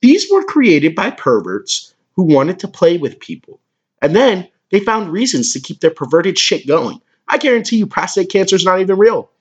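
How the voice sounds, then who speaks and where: Crude ranting podcast guy, husky voice, kinda high, muffled lo-fi audio. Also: huge pitch swings, normal speed. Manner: profane, ranting, mocking. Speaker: podcast host. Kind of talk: crude comedic rant. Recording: dull lo-fi recording.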